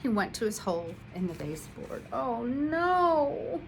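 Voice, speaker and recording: Female school coach reading a storybook to kids; lively, expressive read-aloud. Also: lowish voice, brisk, background noise. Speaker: instructional coach. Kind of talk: reading a picture book aloud to children.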